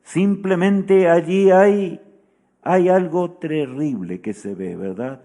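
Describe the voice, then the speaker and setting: Man, preacher, solemn sermon, fairly high-pitched voice, questioning asides. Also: slow pace, dark tone. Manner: solemn, often adds a questioning "¿verdad?". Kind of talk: sermon teaching.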